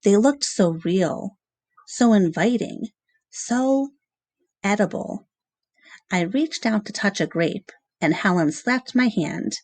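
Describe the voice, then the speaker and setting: On a dry recording, a woman with a medium-pitched voice reads a children's novel aloud. The narration is measured and expressive, storybook style, with short pauses between phrases.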